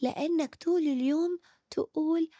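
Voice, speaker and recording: A woman with an Egyptian Arabic accent voicing Time itself as a calm, wise figure that gently scolds a child. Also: sits high, normal speed, no room sound, studio quality, pitched above the performer's own voice, close to an everyday voice.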